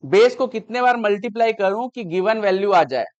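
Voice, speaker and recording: High-voiced patient male teacher. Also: animated, brisk, clean tone, dull audio. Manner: explains patiently, repeats steps, checks understanding. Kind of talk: classroom math lesson. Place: classroom.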